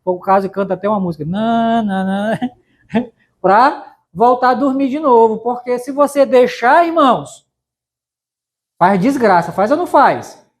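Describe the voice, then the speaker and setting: A man's voice: extremely high pitch, lively intonation, normal speed. A male missionary preacher giving a conversational Bible study in a church, talking folksily to the congregation and often asking them to confirm his points. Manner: folksy, addresses listeners as brothers with frequent tag questions. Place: church sanctuary.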